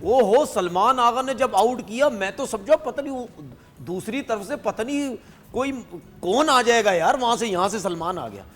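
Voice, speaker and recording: Sarcastic high-voiced Pakistani pundit. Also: male voice, moderate pace, long reverb tail. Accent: Pakistani Urdu. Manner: animated, sarcastic, repeats "theek hai". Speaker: cricket analyst. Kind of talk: studio panel talk.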